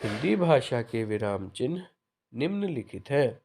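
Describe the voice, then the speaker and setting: A man teaching a grammar lesson to children, explaining slowly and deliberately. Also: medium pitch, sing-song, a little mellow, a little hiss or hum.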